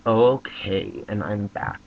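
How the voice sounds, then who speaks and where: A young man casually telling a funny story to his camera as a vlogger, lively and given to squealing when excited. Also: lowish voice, takes it slowly. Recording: dull lo-fi webcam audio.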